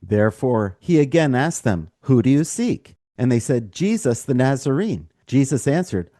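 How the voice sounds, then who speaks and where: Dark-voiced man reading scripture. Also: medium pitch, sing-song, moderate pace, no room sound, clean studio sound. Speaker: podcast co-host, scripture reader. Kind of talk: Bible reading and discussion.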